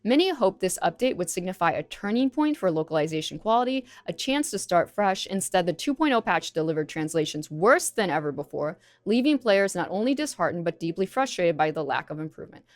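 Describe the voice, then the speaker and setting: A young woman streamer with a lowish voice reads an article aloud and reacts casually, talking briskly with few pauses and big pitch swings. She's a native English speaker, chatty and full of fillers. The recording has no echo.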